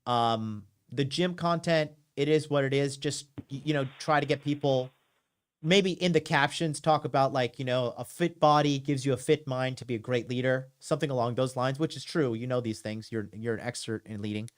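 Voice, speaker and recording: This is a man in his thirties, medium in pitch and moderate in pace, hosting call-in advice as a dating coach. His casual talk is emphatic and repetitive, peppered with frequent "okay"s.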